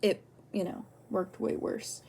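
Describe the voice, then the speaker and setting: A young woman student talks through her notes in a loose, rambling way, with a middling pitch and plenty of "like" and "um." She speaks candidly and gets heated when her story turns personal. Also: fairly even intonation, slow pace, gravelly, warm tone, breathy edge. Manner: chatty, lots of "like" and "um". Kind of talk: casual spoken assignment response.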